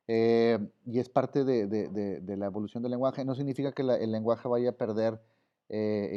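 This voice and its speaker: A man with a Mexican accent teaching an online class in a casual way, full of fillers. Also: medium pitch. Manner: casual, many fillers like "este". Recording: slightly dull audio.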